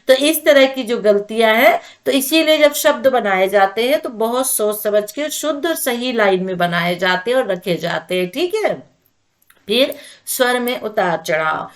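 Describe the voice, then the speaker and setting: A woman teaching an exam-prep lecture, explaining step by step and checking in with the listener as she goes. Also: fairly high pitch. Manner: explanatory, repeats points with "ठीक है".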